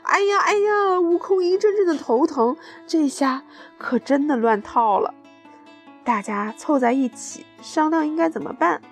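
A woman's voice: high voice, animated, measured pace, soft background music. A woman reading a children's picture book aloud to a child, adding chatty asides to her young listener.

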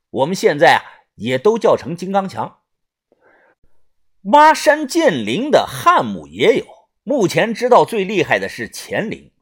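Husky, animated male storyteller. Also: high-pitched. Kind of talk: first-person audiobook narration.

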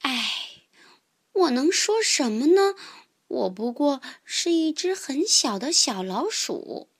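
High, lively woman reading a storybook. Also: takes it slowly. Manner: expressive first-person narration with sighs.

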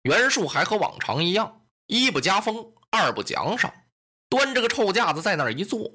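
A man telling a traditional historical story in animated, colloquial narration. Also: sits high, moderate pace, husky.

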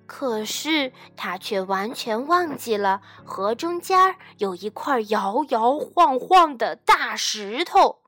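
A woman teacher reading a bedtime story to children in a gentle, expressive way. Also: fairly high pitch, slow pace, hardly any pauses, no room sound, faint music behind.

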